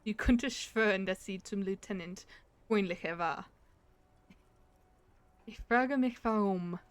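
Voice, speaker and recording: A woman's voice: mid-range voice, a little slow, no echo. Giggly woman playing a game. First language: German. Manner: giggly, chatty. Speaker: let's play host. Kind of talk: gaming let's play, reading dialogue aloud.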